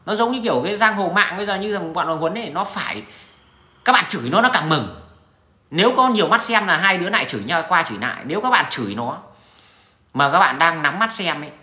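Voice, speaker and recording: A man's voice: sits high, sing-song, fast, pushed and bright. A middle-aged man, talking to his viewers in a blunt, coarse, rambling monologue full of restarts and swearing. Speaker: vlogger. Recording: roomy echo.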